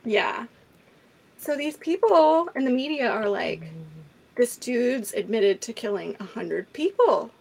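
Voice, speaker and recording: A woman co-hosting a casual true crime podcast, telling the story in an animated way, swearing and laughing often. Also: on the high side, takes it slowly, vocal fry.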